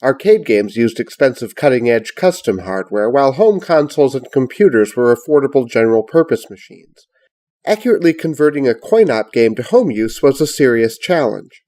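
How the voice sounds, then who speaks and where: A middle-aged man, giving scripted, measured and precise review narration as host of a retro gaming show. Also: mid-range voice, very animated, warm tone.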